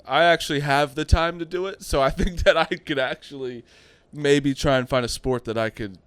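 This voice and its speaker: A man chatting casually with friends, his voice smooth and clean with a dry, close sound. He tells stories freely, laughs a lot and swears now and then. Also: a little high, steady tone, moderate pace, fairly bright tone, no echo. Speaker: podcast co-host. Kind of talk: casual chat.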